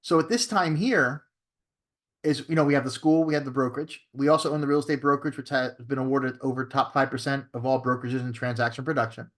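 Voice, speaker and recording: A man's voice: medium pitch, fairly even intonation, fast. A man teaching a real estate training class, talking casually and often checking in with his listeners. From Florida. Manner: conversational, repeats "okay?" and "right?" to check in; acts out phone scripts in a shifted tone.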